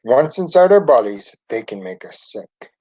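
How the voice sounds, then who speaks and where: A man's voice: medium pitch, very animated, moderate pace, mellow, low-quality recording. A man voicing a studious schoolgirl who reads from her notes, in a storybook reading. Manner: precise and bookish. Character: studious know-it-all schoolgirl.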